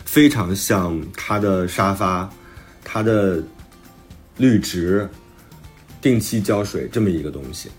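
With background music playing, a man discusses his own book as an author and podcast host. He speaks slowly in a low-pitched voice with long pauses, explaining his thinking reflectively in a casual book talk.

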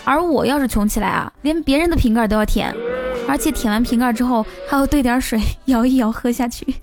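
A woman's voice: on the high side, quick pace, over music. A woman hosting a playful comic monologue with teasing jokes. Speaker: host.

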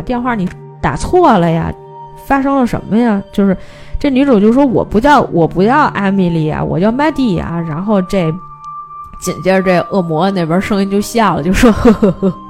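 A woman hosts a film podcast. She retells a movie plot in a casual, animated way and acts out the characters' lines. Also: medium pitch.

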